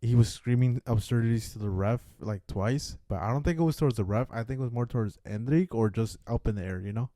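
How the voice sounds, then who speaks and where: A man with a dark, mellow voice chats about football on a podcast, loose and profane, tossing in "dude" as he goes. His voice sits in a middle register and is recorded dry and close. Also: mid-range voice, fast, hardly any pauses, no room sound. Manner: relaxed, swears casually, says "dude" often. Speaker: podcast co-host. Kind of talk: casual sports chat.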